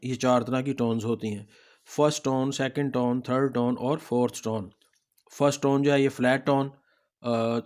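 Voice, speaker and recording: Male teacher, Pakistani Urdu accent, patient explainer for a slide-based lesson, mid pitch. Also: darkish tone. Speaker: language teacher.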